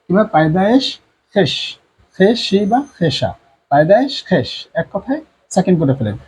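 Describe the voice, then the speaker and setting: Man, language teacher, Bangladeshi Bengali accent, husky voice, slow repetitive drilling, lively pitch. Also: poor audio. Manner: slow, repetitive, drawn-out teaching delivery with many fillers. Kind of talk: whiteboard language lesson.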